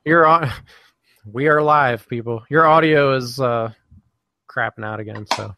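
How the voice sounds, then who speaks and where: A man hosting a live podcast in casual chat, halting with many fillers and restarts. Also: medium pitch, bright, forceful tone, no room sound. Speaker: podcast host.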